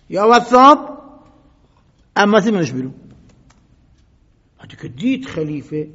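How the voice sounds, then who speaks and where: A man preaching a sermon who explains slow chanted quotes in quick everyday speech, swinging dramatically between loud outbursts and hushed whispers. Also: a little high, vocal fry, breathy edge. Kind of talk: sermon retelling religious history. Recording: echoey hall, dull lo-fi sound.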